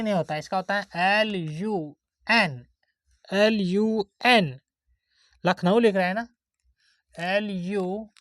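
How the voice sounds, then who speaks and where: A woman's voice: mid-range voice, no echo. A woman teacher giving a spelling lesson, sounding out words letter by letter and checking that the pupils follow. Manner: asks checking questions of the pupils. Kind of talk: classroom-style spelling lesson.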